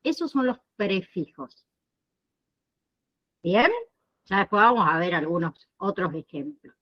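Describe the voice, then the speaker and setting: Slow, lively-pitched woman teaching a class. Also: dull audio. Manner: explains slowly, checks understanding with frequent "¿sí?" and "¿bien?". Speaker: nursing instructor. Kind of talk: online class lecture.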